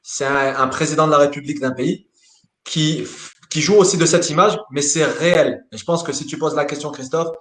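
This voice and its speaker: A man, a sports coach, answering interview questions in a lively way, often repeating words as he thinks. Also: on the high side, fairly quick. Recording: roomy echo.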